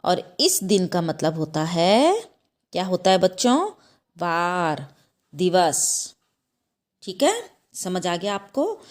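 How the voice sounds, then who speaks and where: A school teacher takes a class of young children through a lesson, explaining slowly and patiently and correcting herself as she goes. Her voice is very animated yet a little mellow. She asks the children questions and keeps checking understanding with a rising "ठीक है?" ("okay?").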